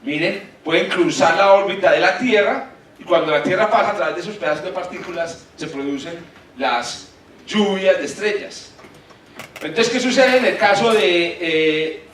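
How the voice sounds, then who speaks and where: A man with a Paisa Colombian accent hosting an informal science talk, halting and colloquial, his articulation slightly awkward from new dental braces. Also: high voice, fairly bright tone. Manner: colloquial, halting, searching for words. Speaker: colloquium host, astronomer. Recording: echoey hall, far from mic, faint noise.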